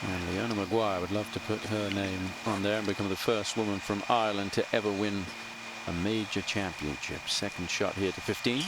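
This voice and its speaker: A man's voice: lowish voice, steady tone, normal speed. A man commentating live on a golf tournament as a broadcast announcer. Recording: very noisy outdoor sports broadcast. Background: loud outdoor ambience.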